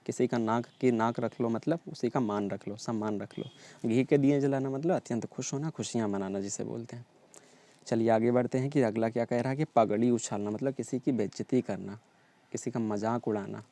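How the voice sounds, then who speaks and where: A man's voice: mid-range voice, normal speed, mellow. A man teaching an exam-prep lesson, drilling word lists and often checking in with his students. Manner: repetitive drilling, frequent "ठीक है" check-ins.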